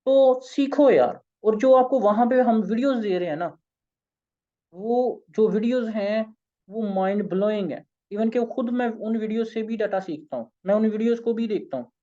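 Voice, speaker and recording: A hoarse, tired man with a Pakistani accent, leading an online sales training session in an informal, coaxing way. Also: high-pitched, normal speed, dark tone, muffled recording. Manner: informal, coaxing, keeps saying "okay". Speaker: sales trainer and company founder.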